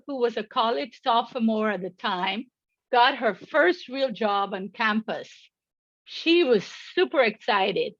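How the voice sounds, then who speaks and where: Slow, measured middle-aged woman presenting. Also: fairly high pitch, no room sound, highs cut off. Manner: measured, reads prepared remarks. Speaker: insurance agent presenting a webinar. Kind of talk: scripted presentation.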